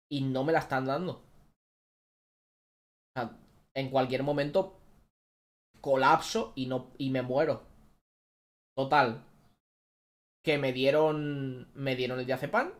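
Guy rambling thru a personal vlog story, lots of restarts, average pitch. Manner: rambling, halting retelling with many restarts. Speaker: YouTuber.

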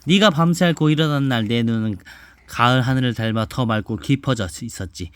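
A man reading a picture book aloud to his child at home, gently and softly, stopping now and then to ask the child questions. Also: medium pitch, a little fast, clean tone. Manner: gentle, soft-spoken, stops to chat and ask the child questions. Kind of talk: bedtime storybook reading with asides to a child.

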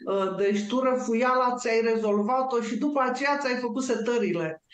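Calm explaining woman in an echoey room. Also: on the high side. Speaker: guest on a TV talk show. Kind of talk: explanatory talk-show discussion.

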